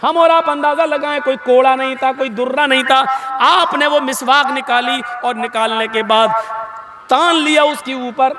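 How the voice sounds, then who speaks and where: A man delivering a sermon, telling stories dramatically and rising to shouts for emphasis. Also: very high voice, steady tone. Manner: dramatic storytelling, voices the people in his stories. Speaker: preacher. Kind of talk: Urdu sermon. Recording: echoey hall sound system.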